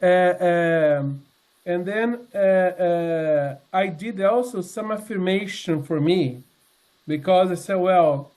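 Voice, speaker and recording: Speaking in a notably high voice with a darkish tone, a man in his sixties offers his personal testimony as a member, using slides. He falters, restarts phrases, fills pauses with "uh" and "um," and keeps his delivery earnest rather than polished.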